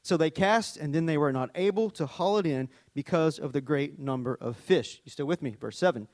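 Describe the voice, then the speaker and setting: A worship leader from Arkansas, middle-aged and Southern-accented, gives a chatty sermon in a fairly high voice at a slightly fast clip. The recording is clean studio sound with no room sound, and he reads scripture amid joking asides and animated storytelling.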